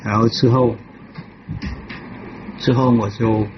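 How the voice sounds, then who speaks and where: A man giving a personal testimony in a halting way, often restarting and repeating himself. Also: medium pitch, flat delivery, highs cut off, background noise. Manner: halting, with many restarts and repetitions. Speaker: devotee telling his life story.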